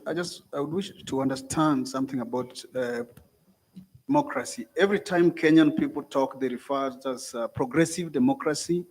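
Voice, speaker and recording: A man speaks up from the audience at a panel forum. He questions the panel with pointed skepticism. His voice sits fairly high for a man. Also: darkish tone. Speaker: audience member asking a question.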